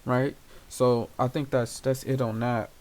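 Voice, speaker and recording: A man's voice: medium pitch, level tone, measured pace, a little mellow. A man leading an informal Bible study, reading scripture aloud and explaining it casually with many fillers. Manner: casual and conversational, many fillers and "you know"; reads scripture aloud in old-style wording. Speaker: Bible teacher.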